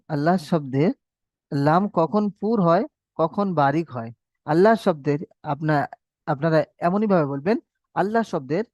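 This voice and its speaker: A man with a fairly high voice teaches Quran reading in a recorded online lesson. He drills each rule again and again, slowing right down to stretch out the recited examples. The sound is dry and dull, like a lo-fi recording. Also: darkish tone, dry recording. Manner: patient, repetitive drilling, slow drawn-out recitation of examples.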